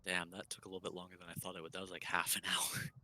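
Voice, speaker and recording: A man's voice: deep voice, monotone, racing, pushed and bright, slight background noise. A man playing in a tabletop game, chatting casually, joking and laughing often. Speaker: player.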